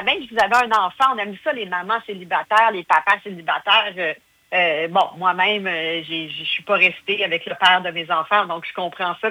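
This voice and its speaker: A chatty woman with a Québécois French accent, her voice bright and forward, pausing often on fillers. The sound is dry and close, with no room around it. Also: medium pitch, no room sound, rough recording. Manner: chatty, hesitant with many fillers. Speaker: guest. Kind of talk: casual interview.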